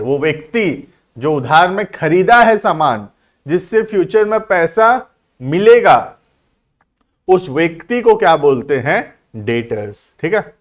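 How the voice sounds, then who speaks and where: A man gives a commerce lesson in a teasing, conversational way. His voice sits a little on the high side. He keeps asking his students rhetorical questions and slips English terms into his explanations. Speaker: commerce teacher. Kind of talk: classroom lecture.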